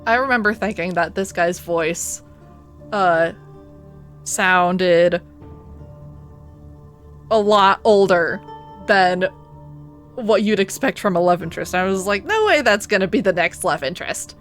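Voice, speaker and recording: A woman's voice: medium pitch, measured pace, pauses often. Woman game streamer over faint music. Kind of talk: live game stream, reading story text and commenting.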